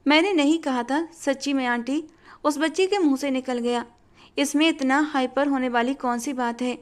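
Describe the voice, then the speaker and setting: A woman playing a headstrong young woman in a storybook reading, defiant and pleading by turns. Her voice sits high and her lines come out emotional and insistent. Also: normal speed, close to an everyday voice. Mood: tearful. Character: stubborn, tearful young woman.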